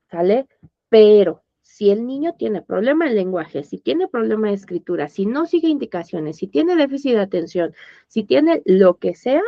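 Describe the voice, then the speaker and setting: A woman's voice: medium pitch, dark tone, no echo. A woman with a Mexican accent teaching an online course in a conversational way, often checking that her listeners follow. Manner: conversational, checks understanding with tag questions. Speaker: course instructor. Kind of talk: informal online lesson. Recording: dull, dry lo-fi audio.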